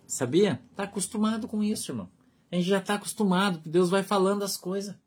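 A man's voice: sits high, a little fast, husky. A Brazilian man with a Brazilian Portuguese accent, a pastor preaching in a conversational way and often checking that his listeners follow along. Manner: conversational preaching, keeps asking the flock "understood?". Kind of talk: sermon.

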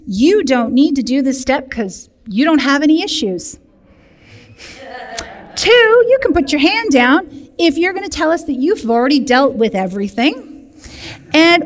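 A woman leading a recovery group, teaching in a lively way and speaking directly to the room with humor. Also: sits high. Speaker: recovery program leader. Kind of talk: sermon teaching. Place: church meeting room. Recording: long hall reverb.

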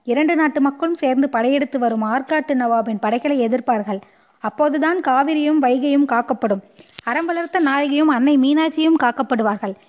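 A proud, grieving queen mother who scolds with impassioned force in an audiobook story, as a woman reads her part. The voice sits high. The recording is dull and lo-fi. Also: brisk, natural voice. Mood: reproachful.

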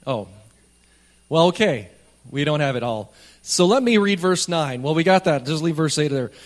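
Higher-pitched man preaching a conversational sermon. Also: lively intonation, moderate pace. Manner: conversational, addressing the congregation directly. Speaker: pastor preaching to a congregation. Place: speaking to a congregation at a church service.

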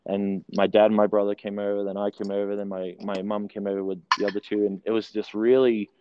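Born in New Zealand and raised in Australia, this thirtysomething strength and conditioning coach has a mixed accent from both countries. As an interview guest he chats briskly in a lowish, fairly flat voice, telling stories with lots of fillers and restarts. The recording is noisy, with the highs cut off.

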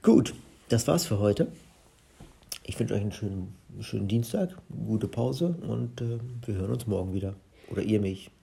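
A man reads a children's book aloud with a low, gravelly voice. It has a husky, somewhat raspy edge, and he chats in a relaxed way as a daily regular. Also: moderate pace. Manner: relaxed, chatty sign-off. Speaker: reader of a daily book series.

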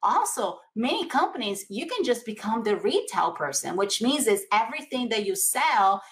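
Motivational coach, female, Latin American accent, somewhat high voice, emphatic and repetitive, often asking the listener questions. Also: very animated, normal speed, fairly bright tone. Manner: emphatic, repeats phrases, rhetorical questions. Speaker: network marketing coach. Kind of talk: motivational coaching talk to camera.

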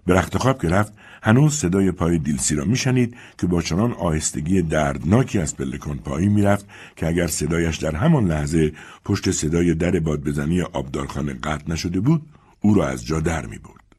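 A man narrating a literary novel as an audiobook, measured and expressive. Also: low voice, husky.

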